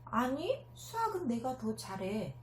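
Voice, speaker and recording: A woman voicing a frustrated, competitive young schoolgirl in a high, whiny child voice, read aloud in an echoey room. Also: big pitch swings, slow pace, a little hiss or hum. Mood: sulky.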